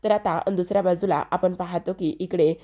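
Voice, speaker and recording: A woman's voice: on the low side, steady tone, moderate pace, mellow. A woman casually retelling a TV serial episode, chatting directly to her viewers. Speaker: TV serial recap narrator.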